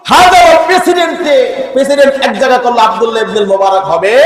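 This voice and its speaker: High-voiced man preaching in an echoing hall. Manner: emotional rising chant, calls on the crowd to respond. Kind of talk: sermon storytelling. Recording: echoey hall from a distance.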